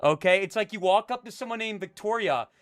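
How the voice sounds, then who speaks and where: A young man live streaming and chatting with his viewers, jumping between loud hype and a low, mock-menacing mutter. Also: brisk, no echo, clean studio sound.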